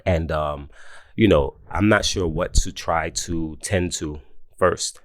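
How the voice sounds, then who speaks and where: A man in his forties telling a casual personal story, animated, often laughing and mimicking others in high voices. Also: slow pace, no room sound, clean studio sound. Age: 40s. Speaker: host.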